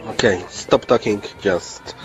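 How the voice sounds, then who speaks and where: A man's voice: on the low side, fairly bright tone. A man with a Polish accent hosting a podcast in casual chat, teasing his co-host and often restarting his sentences. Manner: teasing, halting, restarts a lot.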